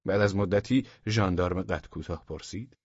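A man narrating a humorous story as an audiobook, in a warm, measured way with soft half-whispered passages. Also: low-pitched, husky, no room sound. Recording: dull lo-fi dry audiobook recording.

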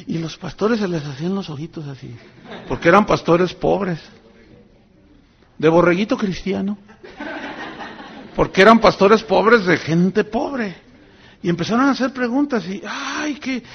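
A man preaching a sermon as pastor, telling stories with lively acted quotes. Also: high-pitched, unhurried, long pauses, lo-fi sound.

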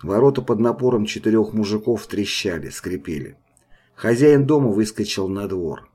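A man narrating an audiobook in a steady, grave manner. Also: fairly low pitch, moderate pace, slightly rough. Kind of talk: scripted narration.

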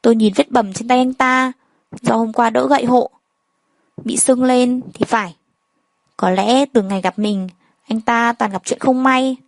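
A woman reads a first-person story aloud in a fairly high voice. She voices every character in much the same plain way. The recording is dry and close, with almost no room sound. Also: steady tone, measured pace, pauses often, dry recording, rough recording. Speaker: narrator.

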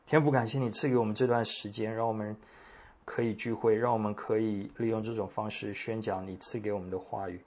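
A man preaching a sermon, reading scripture in a measured, deliberate way with pauses. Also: fairly low pitch, steady tone, a little mellow. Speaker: pastor. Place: church meeting room.

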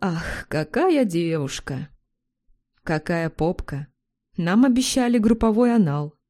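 Woman reading a wheedling charmer of a man, coaxing tone, lively pitch; storybook audio. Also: takes it slowly. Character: smooth-talking persuasive man.

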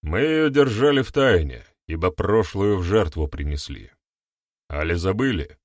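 A man's voice: sits low, lively intonation, moderate pace, no echo, studio quality. A man reading the part of a stern older male clan elder who speaks hard and coldly. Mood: grim. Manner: hard and cold.

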